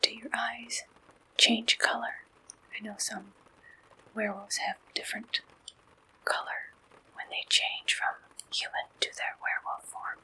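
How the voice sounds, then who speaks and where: In this ASMR roleplay, a woman takes the role of a receptionist, whispering softly and breathily near the microphone in a gentle, reassuring, unhurried way. Her pitch is fairly high and her tone level, though the audio is poor.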